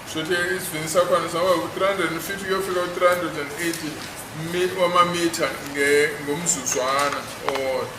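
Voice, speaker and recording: A man with a South African accent interpreting in court during a cross examination, halting and repeating the starts of words. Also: on the high side, fairly even intonation. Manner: halting, repeats word beginnings. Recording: echoey, noisy courtroom recording.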